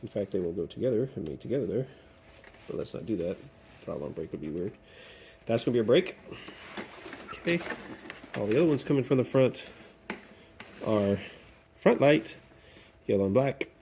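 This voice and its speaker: Speaking in a lowish, dark-toned, expressive voice at normal speed with long pauses, a DIY video host walks through a hands-on repair. He's chatty, thinks aloud and playfully repeats words, working in a cold workshop or garage, with a little hiss or hum on the audio.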